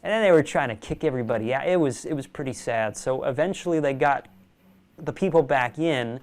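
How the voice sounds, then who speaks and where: A young man, a magician guest in a casual interview, telling animated stories and laughing often. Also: medium pitch, fairly quick. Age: young adult.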